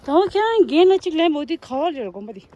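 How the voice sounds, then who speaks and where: Give me a high-voiced young woman chatting casually on a travel vlog. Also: big pitch swings, moderate pace, dark tone, muffled recording. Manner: chatty, exclaims and laughs often. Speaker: vlogger.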